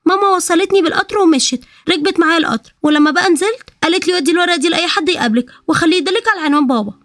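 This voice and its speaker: A tiny, excitable girl squeals and chatters in Egyptian Arabic. The voice sits far above an adult's and races along. The recording is close and dry. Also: very high voice, rapid-fire, no room sound, voice pushed up. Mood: earnest. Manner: squealing, childlike. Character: excitable little girl, hungry and bouncy.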